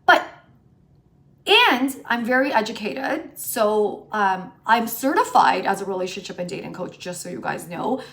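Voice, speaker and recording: A woman in her late thirties, a relationship coach, talking to her viewers in an animated, chatty way and often asking "right?". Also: mid-range voice, a little slow, creaky. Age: 30s. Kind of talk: casual chat to camera.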